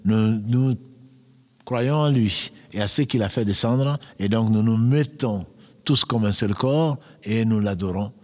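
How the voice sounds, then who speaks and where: An earnest man teaches a religious lesson at a middle pitch, slowing down to recite verses and pushing his voice up on the words that matter. His voice rings out with a long reverb tail. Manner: earnest, emphatic rises on key words, recites Arabic verses slowly. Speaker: Islamic teacher.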